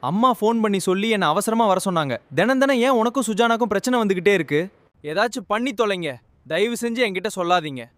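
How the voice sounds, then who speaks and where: A man's voice: high-pitched, lively intonation, fast, a bit bright, dry recording. A man acting as a fed-up brother in a family drama, scolding in an exasperated tone.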